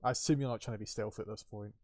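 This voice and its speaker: A man's voice: fairly low pitch, fairly even intonation, rapid-fire, darkish tone, no echo, studio quality. A man narrating as game master of a tabletop game, laughing often and slipping into character voices.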